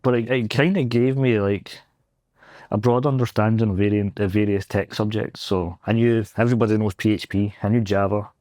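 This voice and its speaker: A young Glaswegian man from Scotland, a pentest engineer, chats casually as an interview guest on a convention floor. His voice is fairly low and dark-toned with fairly even intonation, and he talks fairly quickly, rambling, self-deprecating and laughing often. The recording is dry.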